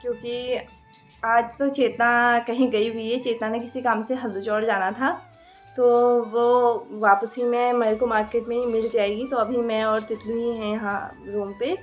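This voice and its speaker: A woman's voice: a little high, level tone, normal speed, dull audio, faint music behind. A young woman with a light lilt, chatting casually through a daily vlog at home and talking to her toddler now and then. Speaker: vlogger and mother. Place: indoors in a rented room.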